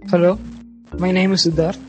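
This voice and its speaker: A teenage man from Tamil Nadu, India, answering questions hesitantly, with pauses and restarts. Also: sits high, flat delivery, over music. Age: teens.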